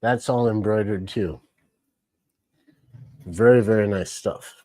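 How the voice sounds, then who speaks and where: A man's voice: on the low side, takes it slowly, mellow, no room sound. A man casually hosting a live stream, rambling along and greeting chat viewers by name. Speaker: livestream host.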